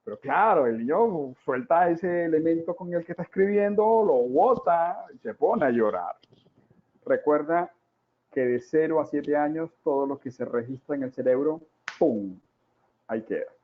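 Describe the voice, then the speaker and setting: A man's voice: on the high side, animated. Dramatic man teaching, tinny phone-like sound. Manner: dramatic, with rhetorical questions and drawn-out repetitions. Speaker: parenting educator. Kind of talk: talk to an audience on child development.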